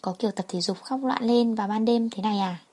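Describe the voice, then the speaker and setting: A woman's voice: a little high, fairly even intonation, quick pace, a little mellow, natural voice. A woman voicing a cold, teasing rich man who speaks in curt, mocking lines.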